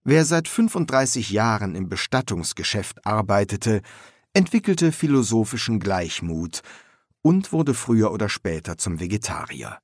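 A man narrating an audiobook at an unhurried, measured pace, with a voice that is low and lively in its rise and fall. The recording is close and dry, with no room sound. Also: dry recording.

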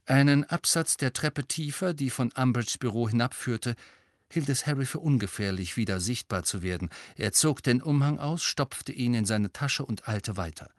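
Man, audiobook narration, steady, even, dry studio sound. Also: mid-range voice, moderate pace, dry recording. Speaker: audiobook reader. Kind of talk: scripted narration.

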